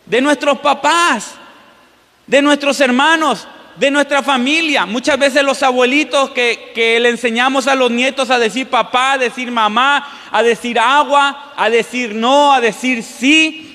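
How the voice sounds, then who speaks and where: A man's voice: very high voice, fairly even intonation, unhurried, pushed and bright. A man preaching a sermon as pastor in a church, often putting questions to the congregation. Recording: long church-hall reverb.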